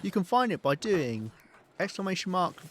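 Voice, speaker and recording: A man's voice: sits high, sing-song, normal speed, a little hiss or hum. A man with a southern English accent giving chatty, wry live commentary while playing a video game, with the odd swear and laugh. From south of England. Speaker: game streamer. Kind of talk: casual live gameplay commentary.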